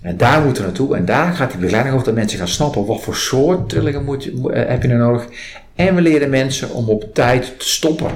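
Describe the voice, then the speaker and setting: Speaking fast in a mid-range voice, a man interviewed about his work as a trainer in body-based stress release describes his method in a chatty way. He acts out example questions and client comments as he goes. The audio has a roomy echo and clear background noise.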